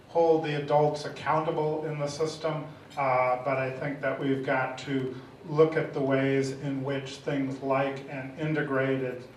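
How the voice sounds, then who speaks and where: A man's voice: medium pitch, a little hiss or hum. A man giving wry, argumentative remarks as a panelist in a panel discussion. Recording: echoey room, mic from far off.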